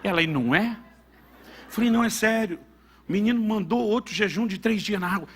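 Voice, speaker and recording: A man's voice: high-pitched, brisk, breathy edge. A middle-aged man with a Brazilian Portuguese accent, a pastor preaching a sermon and telling a family story with emphatic quoted dialogue.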